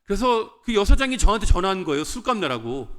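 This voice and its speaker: A young man preaching a revival sermon, telling a personal story in an animated way and acting out the voices of the people in it. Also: high voice, fast talker. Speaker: pastor.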